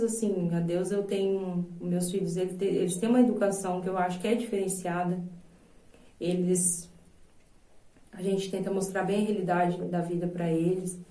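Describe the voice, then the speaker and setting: Heard through a distant mic in a roomy space, this Brazilian singer and voice teacher in her thirties has a fairly low, mellow voice and a Brazilian Portuguese accent. She talks earnestly and reflectively during a casual interview, leaning heavily on filler tags.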